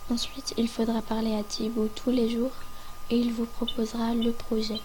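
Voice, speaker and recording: Slightly high, even-toned woman with a hoarse voice. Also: background noise. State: hoarse from being sick. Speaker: video creator presenting a game guide. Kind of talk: tutorial voice-over. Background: background music.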